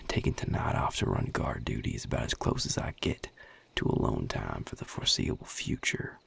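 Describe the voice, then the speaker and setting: Heavily acted and animated, a man with a Southern US accent voices a weary, protective vampire sire in an intimate audio roleplay drama of one-sided dialogue. He talks a little fast in a folksy, guarded drawl, his very deep, gravelly, husky, breathy voice carrying a fairly bright tone. The mood feels weary and resolute.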